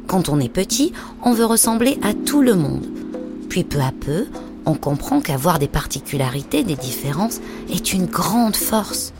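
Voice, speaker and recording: Storybook mother, tender and secretive, low-voiced, played by a woman, music bed. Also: big pitch swings, measured pace. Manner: tender, hushed. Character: gentle, mysterious young mother. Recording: music playing underneath.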